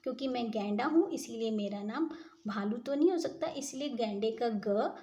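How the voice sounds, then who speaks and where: A woman's voice: a little high, lively intonation, normal speed, warm tone. A woman reading and explaining a children's story, often stopping to ask her listeners questions. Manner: retells each line and explains the wordplay, asks listeners questions.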